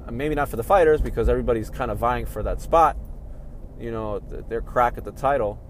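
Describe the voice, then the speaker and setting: At home in a room with a sunny window, a man who vlogs MMA commentary chats solo about fight news, yawning and rambling in a sleepy, relaxed way. He speaks at medium pitch and a fairly quick pace, with a little hiss or hum in the recording.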